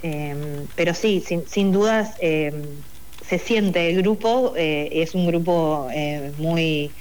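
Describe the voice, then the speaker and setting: This project coordinator has a deep, slightly mellow voice and speaks slowly, with the accent of Buenos Aires Spanish; she's from Buenos Aires, Argentina. Explaining a project in an interview, she hesitates and restarts, leaning on many fillers.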